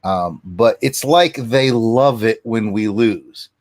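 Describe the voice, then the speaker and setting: A man co-hosting a casual sports show, talking as a passionate fan in an emphatic, deliberate way with drawn-out stresses. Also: lowish voice, darkish tone, no echo, clean studio sound. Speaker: sports podcast co-host. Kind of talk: casual fan talk and ranting about college football.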